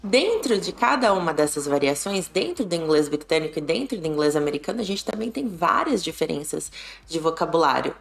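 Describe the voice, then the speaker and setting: A young woman with a Brazilian Portuguese accent, explaining English to camera in a clear, friendly teaching tone. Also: low-pitched, big pitch swings, fairly quick. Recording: echoey room with faint music.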